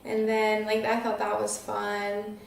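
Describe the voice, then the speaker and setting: A woman's voice: mid-range voice, monotone, measured pace, vocal fry, distant mic, a little hiss or hum. A nineteen-year-old woman answering interview questions casually, giggling and using lots of "like" fillers. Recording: very echoey room, voice off-mic.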